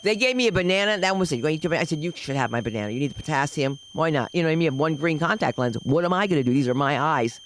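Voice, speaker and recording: Animated older woman comic. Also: low-pitched, rapid-fire, few pauses, slight background noise, low-quality recording. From Dominican heritage. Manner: animated, shifts voices for characters, exclamatory. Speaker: stand-up comic. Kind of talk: stand-up storytelling. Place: comedy club open mic.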